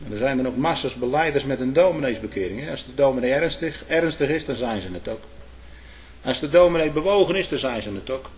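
A man preaching a sermon in old biblical phrasing, swinging from hushed asides to loud proclamations with frequent "hè". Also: mid-range voice, animated, fast talker.

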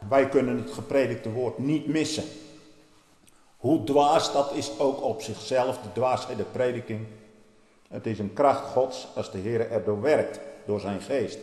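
A man preaching a church sermon, stressing key phrases by repeating them and swelling to loud exhortations before dropping low again. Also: a little slow. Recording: echoey church hall with long reverb.

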